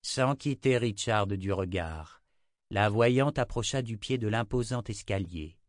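Low-voiced, measured male narrator. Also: lively intonation, dry recording, studio quality. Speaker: audiobook narrator. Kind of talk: scripted fantasy narration.

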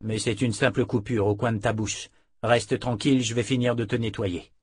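A man's voice: medium pitch, fairly even intonation, moderate pace, slightly rough, no echo, lightly acted. A man voicing a hot-tempered young swordsman who speaks bluntly. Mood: gentle. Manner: blunt, angry.

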